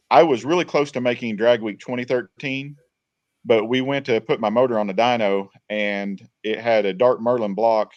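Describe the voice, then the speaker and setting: A man's voice: fairly low pitch, a little mellow, no echo, lo-fi sound. A man guest on a podcast, telling long casual stories, repeating words and retelling what people said. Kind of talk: casual storytelling.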